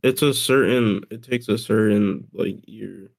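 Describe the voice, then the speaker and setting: Gravelly, sleepy young man. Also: fairly low pitch, fairly even intonation, measured pace, no echo. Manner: brief agreeing replies. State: sleepy, yawning. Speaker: podcast co-host. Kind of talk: casual chat.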